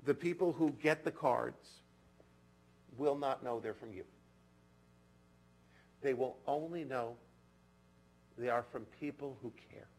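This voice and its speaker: A man giving a sermon in a synagogue, telling a story slowly and earnestly, often dropping to a soft, intimate tone. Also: medium pitch, poor audio. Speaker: clergy. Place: synagogue sanctuary.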